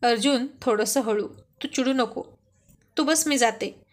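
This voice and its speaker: Playful young wife, chiding and bossy, bright higher voice, read by a woman narrator. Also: measured pace, lightly acted. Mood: calm.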